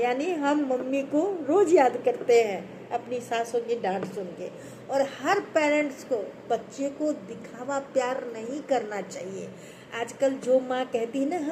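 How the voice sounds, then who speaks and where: A woman's voice: fairly high pitch, a little mellow, slight background noise, rough recording. A middle-aged woman speaking earnestly and preachily in a casual, homely talk giving family advice.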